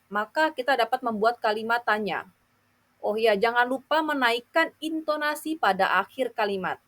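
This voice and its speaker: A woman explaining grammar in a careful scripted lesson, reading out example sentences with translations. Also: mid-range voice. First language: Indonesian. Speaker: Japanese language teacher.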